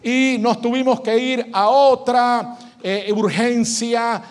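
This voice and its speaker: A man preaching a sermon as pastor, leading shouted call-and-response lines and then telling a story. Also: extremely high pitch, fairly even intonation, slow.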